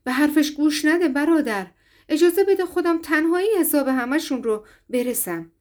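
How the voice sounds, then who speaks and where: A woman's voice: high voice, expressive, a little mellow, pitched above the performer's own voice. A woman voicing a boastful, mocking young male Viking warrior in a storybook reading, with a raised, scornful voice.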